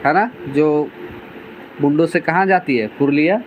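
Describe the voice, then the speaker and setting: A man's voice: fairly high pitch, a little slow, a little hiss or hum, rough recording. A man, teaching a class by reading lines from a novel and explaining each one in plain words. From Jharkhand, India. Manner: reads dialect lines aloud, then restates them plainly with many 'theek hai' fillers.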